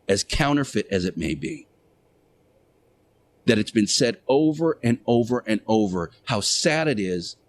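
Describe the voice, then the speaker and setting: This male show host's radio monologue has the feel of a sermon: emphatic, preachy, and built on deliberate rhetorical repetition. He speaks in a lowish, slightly mellow voice.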